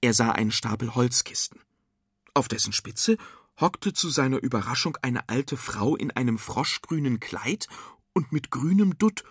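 Lively male storyteller, husky voice. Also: medium pitch, measured pace, no room sound, studio quality. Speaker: narrator. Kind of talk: children's radio story reading.

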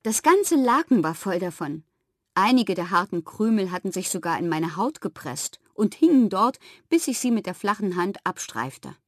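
A woman narrating a children's story in the first person, expressive and animated. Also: mid-range voice, moderate pace, no room sound, studio quality. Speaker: audiobook reader.

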